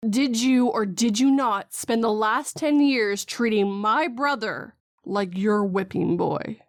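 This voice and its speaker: A woman voicing a vengeful grieving mother who speaks calmly and mockingly in a horror story. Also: on the high side, dry recording, clean studio sound. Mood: coldly menacing. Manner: slow, calm and mocking.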